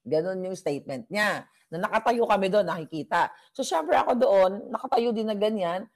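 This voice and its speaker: A woman vlogger telling a story in a casual, animated, gossipy way, mixing in English phrases and often laughing between lines. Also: mid-range voice, normal speed.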